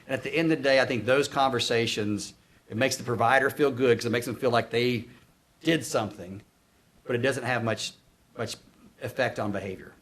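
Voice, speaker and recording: A man's voice: mid-range voice, fairly quick, fairly bright tone. A middle-aged man with an Arkansas accent leads a conference workshop, talking conversationally and putting questions to his audience. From Arkansas, United States. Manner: conversational, asks and echoes back answers. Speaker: instructor presenting at a conference. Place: conference room, behind faint room noise. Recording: roomy, distant mic, faint noise.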